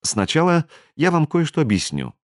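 A man voicing a businesslike alien stranger in an audiobook, speaking in a measured, persuasive and authoritative way. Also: fairly high pitch, wildly swooping pitch, no room sound, studio quality, voice pushed up. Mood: commanding. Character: smooth, businesslike male alien stranger, commanding. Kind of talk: audiobook character reading.

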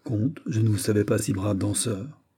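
A man's voice: on the low side, warm tone, slightly rough. A man reading aloud, voicing a jealous, petulant royal prince who turns bitter and angry. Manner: bitter, quick to anger, whining.

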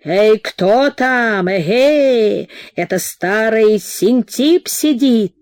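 A woman's voice: fairly high pitch, expressive, darkish tone, no room sound. A woman reading a storybook, voicing a frenzied male shaman who chants and wails in a trance. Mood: visionary. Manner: chanting, wailing cries, drawn-out calls. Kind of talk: audiobook reading.

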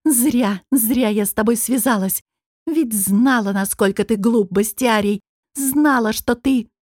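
Woman reader doing a shrill, furious young noble girl; high, loud, audiobook. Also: a little slow, no room sound, studio quality. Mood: furious shrieking. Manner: screeching, stamping fury.

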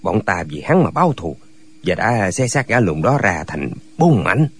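A gang of foolish male martial hermits squabbles endlessly in a radio drama, as a man acts them out. Their voice is husky and rides up and down with lively swings. They argue in circles, each line picking at the last. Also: deep voice, normal speed, heavily acted. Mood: bickering. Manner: bickering, argumentative back-and-forth.

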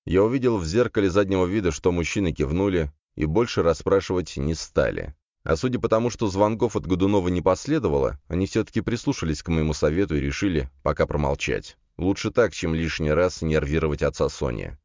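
Brief: wry male audiobook reader, deep voice, slightly lo-fi. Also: expressive, brisk, a little mellow, no room sound. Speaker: audiobook narrator. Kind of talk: first-person scripted narration. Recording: dry, slightly dull studio sound.

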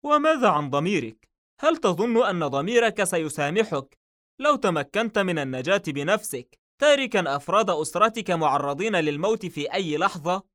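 A man reading an audiobook novel, voicing a calm, confident male police detective in a raised voice. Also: brisk. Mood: calm, firm. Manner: calm and assured, slightly raised pitch.

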